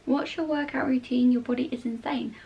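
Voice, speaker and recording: A woman's voice: high-pitched, steady tone, a little fast, dull audio. A young woman with a southern English accent chats informally in a casual Q&A vlog, often saying "like" and "obviously". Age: young adult. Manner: chatty, informal, frequent "like" and "obviously". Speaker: vlogger answering viewer questions. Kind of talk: casual Q&A chat to camera.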